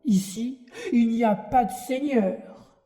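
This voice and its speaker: Woman doing a gruff bearded puppet master. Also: fairly high pitch, lively intonation, takes it slowly, dark tone, soft background music. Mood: stern. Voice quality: gruff, sneezing. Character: gruff bearded male puppet master, stern yet softhearted. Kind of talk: audiobook character reading.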